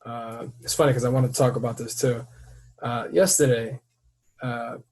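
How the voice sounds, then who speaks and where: A man hosting a podcast who tells a story in casual chat. He swears freely and breaks into loud, heated outbursts as he retells it. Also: mid-range voice, fairly even intonation, normal speed, breathy edge. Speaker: podcast host.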